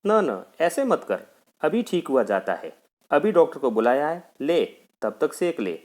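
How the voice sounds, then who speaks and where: A man's voice: medium pitch, expressive, moderate pace, darkish tone, natural voice. A male teacher voicing a worried mother who coaxes and fusses over her sick young son as he reads a play aloud. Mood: coaxing. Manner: coaxing, anxious and tender.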